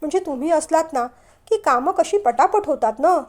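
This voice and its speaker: A woman's voice: sits high, animated, moderate pace. Woman doing a shy young bride-to-be. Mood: flustered.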